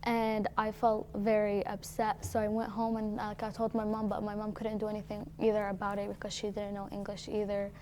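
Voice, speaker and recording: A woman's voice: mid-range voice, monotone, a little fast, hardly any pauses, mellow, a little hiss or hum. A teenage girl from Syria telling her story casually, often saying "like". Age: teens. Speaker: guest. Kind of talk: personal storytelling.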